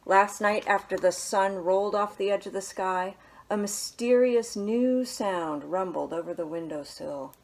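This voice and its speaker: At home in a small living room, a children's librarian in her thirties gently reads a picture book aloud, adding soft, hushed asides. Her mid-range voice keeps a measured pace, with a little hiss or hum in the recording.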